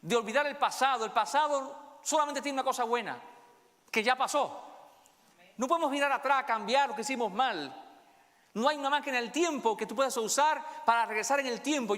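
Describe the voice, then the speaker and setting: A male pastor preaching a sermon, acting out quoted dialogue in a soft, slowed voice. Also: very high-pitched. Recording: long hall reverb.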